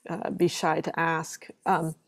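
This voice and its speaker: A woman's voice: sits low, flat delivery, slow pace, vocal fry, dry recording, studio quality. A woman moderating a live online webinar, chatty and welcoming, with many fillers. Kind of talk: casual live webinar hosting.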